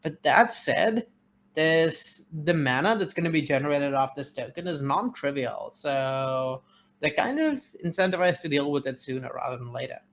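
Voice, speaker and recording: A man casting a card game match, giving color commentary in a measured, analytical manner with frequent fillers. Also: fairly high pitch, lively intonation, a bit bright, slight background noise. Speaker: game caster.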